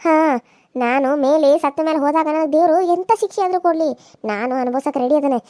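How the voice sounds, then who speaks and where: A woman's voice: high voice, fast talker, dark tone, dry recording, studio quality, lightly acted. A woman voicing a vengeful, menacing village wife in a cartoon serial, taunting. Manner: taunting, threatening.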